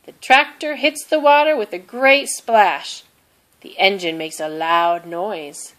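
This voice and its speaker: Reading from a children's storybook, a woman narrates with a medium pitch in a careful, lively manner.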